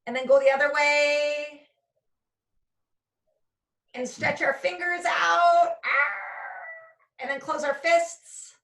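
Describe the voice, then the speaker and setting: A woman's voice: sits high, fairly even intonation, takes it slowly, pauses often, fairly bright tone. A woman leading a casual video-call session, upbeat and encouraging as she guides simple stretches. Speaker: activity leader.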